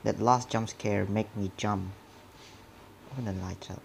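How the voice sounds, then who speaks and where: Jittery gravelly man voicing a horror game. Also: on the low side, fairly even intonation, measured pace, slight background noise. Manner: jumpy and nervous, often drops to a whisper; mutters to himself with frequent mild swearing. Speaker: gamer. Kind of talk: horror let's play commentary.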